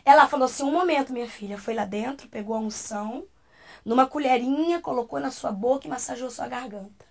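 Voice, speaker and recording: A woman's voice: fairly high pitch, brisk, vocal fry. A woman with a Brazilian Portuguese accent, a talk show guest, telling a personal testimony with emotion and acting out the voices she quotes.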